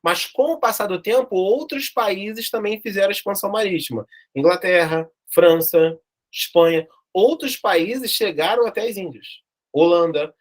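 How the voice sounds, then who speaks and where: Joking, slangy Brazilian history teacher. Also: male voice, high-pitched, moderate pace. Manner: jokey, slangy, dramatic, acts out voices. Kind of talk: lively class storytelling.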